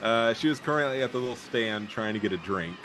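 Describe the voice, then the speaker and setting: A man's voice: mid-range voice, expressive, fast, background noise. A man narrating an improvised tabletop role-playing game as game master.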